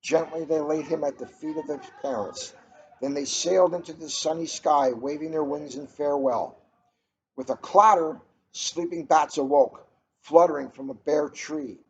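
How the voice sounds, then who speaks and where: Picked up by a muffled, noisy ambient room recording, a middle-aged policeman reads a storybook aloud at normal speed, his voice on the high side and steady. Between passages he chats casually.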